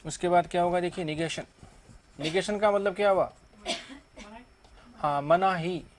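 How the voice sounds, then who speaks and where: A high-pitched man is teaching a grammar lesson to a class. He fires questions at the students and answers them himself. He talks in a drilling, repetitive classroom manner. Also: normal speed, a little hiss or hum. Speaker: English teacher.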